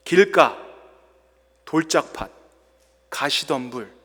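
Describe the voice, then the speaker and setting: A man's voice: a little high, lively intonation, takes it slowly, pushed and bright, husky. A male pastor preaching a sermon in a dramatic, storytelling way, acting out quoted lines in a church sanctuary. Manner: dramatic storytelling, quoting with acted voices. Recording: long church-hall reverb.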